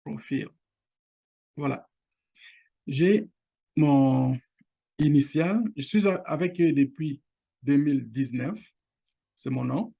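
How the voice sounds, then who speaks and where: This online course channel host is a man from the Congo region whose first language is Lingala, running a casual screen-share tutorial. His voice is a little high and gravelly, with a dark tone and a breathy edge. He halts and restarts often, uses plenty of fillers, and speaks straight to his viewers.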